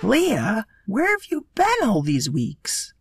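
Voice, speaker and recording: A man's voice: high voice, huge pitch swings, slow pace, breathy edge, pitched above the performer's own voice, heavily acted. A man voicing a young girl fish, the hero's sister, light, offhand and chatty. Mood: breezy.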